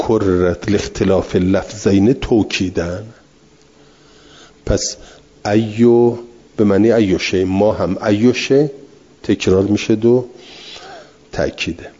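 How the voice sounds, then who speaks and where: A man lecturing a class in a low, mellow, slightly husky voice. He reads out a passage and then walks his students through it patiently, repeating the main point. The recording sounds dull and lo-fi. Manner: reads text aloud, then explains it patiently with repetition; answers students' questions directly. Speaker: teacher.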